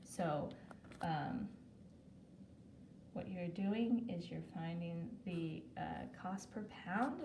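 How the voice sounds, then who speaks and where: Sitting a little back and far from the mic, a woman of medium pitch and warm tone teaches a recorded math lesson. She chats at an unhurried pace as she writes through problems, often self-correcting, in an echoey room with faint ambient noise.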